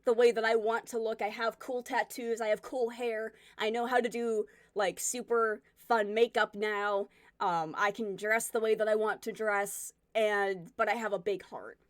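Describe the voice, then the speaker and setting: A woman's voice: mid-range voice, fairly even intonation, moderate pace, no echo, clean studio sound. A woman in her twenties chatting casually with her stream viewers, candid and rambling as she reflects and reacts to comments. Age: 20s.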